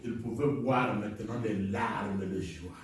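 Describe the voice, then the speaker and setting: A man's voice: fairly low pitch, a little slow, far from the mic. A male pastor preaching a sermon in short phrases for an interpreter, with exclamatory bursts and repeated cries. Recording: echoey church hall, picked up from afar.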